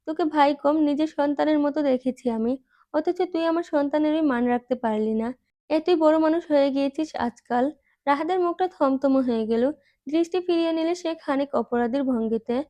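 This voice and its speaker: Woman, audiobook narrator, high voice, dry close recording, dramatic reading. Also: normal speed, warm tone, no echo. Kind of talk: scripted novel narration with dialogue.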